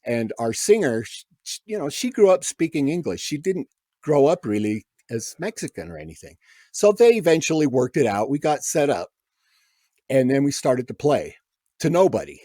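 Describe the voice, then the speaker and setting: Guesting on a podcast, this musician spins casual, animated anecdotes and performs the voices of whoever he's quoting. He speaks at normal speed in a mid-range voice, and the recording is studio quality with no echo.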